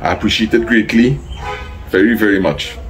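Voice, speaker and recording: A man's voice: fairly low pitch, normal speed, soft background music, poor audio. A man with a Trinidadian accent, chatting casually to his viewers and thanking people by name. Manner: easygoing, thanks people by name, gives plain advice. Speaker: vlogger. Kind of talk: casual vlog chat.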